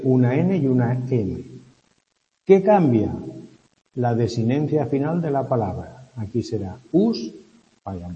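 A man teaches a class in a slow, unhurried way, pausing to check that his students follow. His voice is very dark and mellow. The sound is dull and lo-fi, with a long reverb from the lecture hall. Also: mid-range voice. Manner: explanatory, checks in with frequent questioning hums. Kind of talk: classroom lecture on Latin abbreviations.

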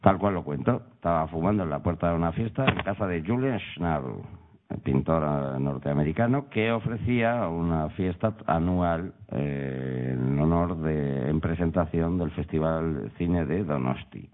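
A man from Madrid tells a radio anecdote in a very deep voice, wandering into wry, animated asides. His talk rolls on casually. The sound is thin and tinny, like a phone line. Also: measured pace. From Madrid, Spain. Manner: animated, digressive, wry humor. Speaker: guest writer.

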